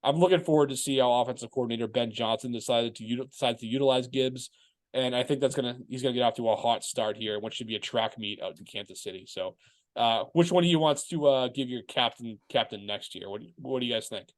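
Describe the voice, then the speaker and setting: A man's voice: medium pitch, fast. A man from Massachusetts hosting a casual sports and fantasy football talk, chatting loosely with restarts. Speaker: podcast host.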